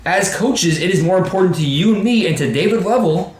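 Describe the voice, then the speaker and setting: A man in his thirties talks briskly in a high-pitched voice while co-hosting a casual podcast as a youth baseball coach. Animated and emphatic, he acts out quotes and quotes himself in asides. The sound has a roomy echo with faint background noise.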